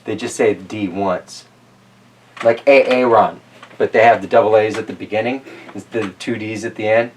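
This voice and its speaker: Speaking at a moderate pace in a lowish, steady voice, this man hosts a relaxed picture-book read-aloud full of folksy humor and wandering tangents. It's picked up by a far-off mic in a roomy space with slight noise.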